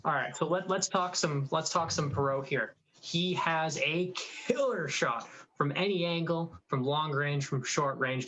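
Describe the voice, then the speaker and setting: Male co-host, mid pitch, opinionated and animated, casual live-stream delivery. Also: poor audio. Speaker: draft analyst co-host. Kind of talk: live draft commentary chat.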